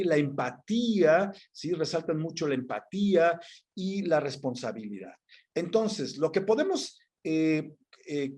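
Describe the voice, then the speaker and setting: A man's voice: high voice, dark tone, slightly rough. A man giving an academic presentation on how language is taught, going through his findings item by item with many fillers and restarts. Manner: methodical, lists items with frequent fillers and restarts.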